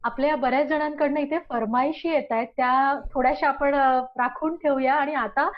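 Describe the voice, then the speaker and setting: High-voiced female radio host, dull sound. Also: fairly even intonation, moderate pace. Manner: warm admiring questioning with hesitant fillers. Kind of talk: radio interview.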